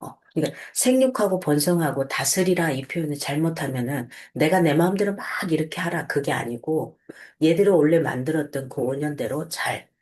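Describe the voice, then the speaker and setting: A woman with a notably low-pitched voice reads scripture aloud and then talks it through. Her teaching is relaxed and conversational, full of small fillers and self-corrections. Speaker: host, Bible teacher. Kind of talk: Bible reading and casual explanatory teaching.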